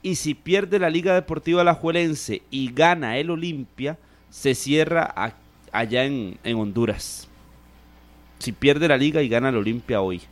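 A man on a sports talk panel, walking through match scenarios point by point. He speaks in an even mid-range voice and settles the others down when tempers rise. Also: medium pitch, measured pace. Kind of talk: sports talk show discussion.

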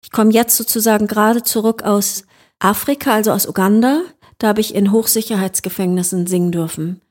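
Her voice sits in the mid-range with fairly even intonation, a slightly quick pace, and a touch of mellowness. She's a musician from Germany, talking thoughtfully about her work in an interview. She often hesitates, using fillers and restarting as she hunts for the right words.

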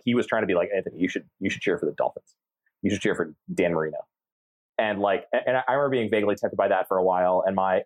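Fast-talking deep-voiced man, rambling. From central Massachusetts. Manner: rambling, many restarts and fillers. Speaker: podcast guest. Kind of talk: casual conversational storytelling.

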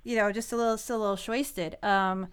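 A woman's voice: medium pitch, steady tone, brisk, clean tone. A woman in her thirties co-hosting a podcast, chatting casually with lots of "like," restarts and giggles. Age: 30s. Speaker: podcast co-host. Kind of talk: casual chat.

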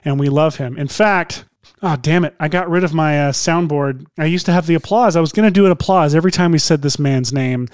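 A man's voice: on the high side, fairly quick, smooth, no room sound, studio quality. A man co-hosting a podcast in casual chat, joking and rambling as he introduces a guest. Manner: joking, rambling and self-deprecating. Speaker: podcast co-host.

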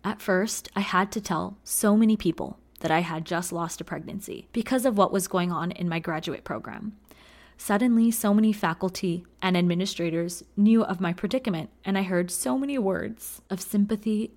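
A woman's voice: mid-range voice, normal speed, darkish tone. A woman in her thirties reading her own personal memoir aloud in an earnest, emotional way. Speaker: teacher and memoir reader.

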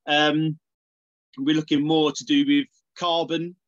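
A middle-aged man with an Essex accent and a fairly high-set voice talks casually in an interview. He feels his way through sentences, repeating words, on a slightly muffled but close recording. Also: level tone, slow pace, dry recording. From Essex, England. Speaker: podcast guest, organic dairy farmer.

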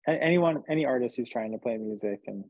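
A man's voice: medium pitch, lively intonation, fast, dry recording, muffled recording. A man from New Jersey, a musician guest, chatting casually in a rambling, joking way with lots of fillers. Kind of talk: casual interview chat.

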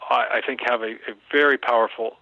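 A man speaking as an interview guest, in a measured, professorial storytelling manner. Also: medium pitch, fairly even intonation, creaky, no echo, muffled recording. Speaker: guest author. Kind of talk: interview conversation.

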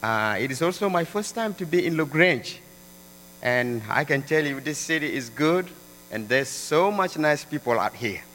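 A man's voice: on the high side, expressive, moderate pace, fairly bright tone. A man in his thirties from South Sudan giving an earnest church testimony as a guest speaker. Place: church sanctuary. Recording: long hall reverb, faint mains hum.

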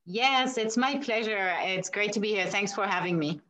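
A French woman with a French accent chats as an interview guest, laughing often as she answers. Her voice is medium-pitched at normal speed, and she's warm and chatty with many restarts.

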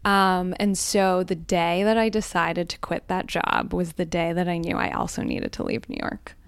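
A woman on the hot seat at a live event, telling personal stories in a candid, reflective way with frequent soft ums. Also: fairly low pitch, normal speed, gravelly, clear, resonant tone. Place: live event before a small audience.

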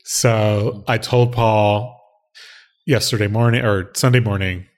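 Brief: man in his forties, podcast co-host, lowish voice, teasing dry humor, relaxed storytelling. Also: takes it slowly. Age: 40s. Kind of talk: casual chat.

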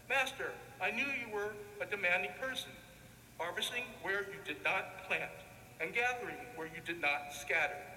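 A man reads scripture solemnly in a high, very forceful and bright voice. His phrasing is measured and declamatory. The sound carries a long cathedral echo, with some noise in the recording. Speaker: deacon reading the Gospel. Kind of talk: solemn liturgical scripture reading. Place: large reverberant church. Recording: echoey church, long reverb, background noise.

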